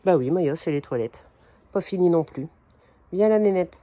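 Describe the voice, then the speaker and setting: A middle-aged woman shows the camera around her home, chatting informally as she goes from room to room and speaking to her pet in passing. Her voice sits fairly low, warm and expressive, at a moderate pace.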